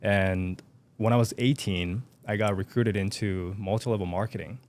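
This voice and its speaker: Low-voiced young man, hesitant speech. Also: steady tone, normal speed. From Japan. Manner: hesitant, many fillers and restarts. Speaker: podcast guest. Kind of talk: casual interview chat.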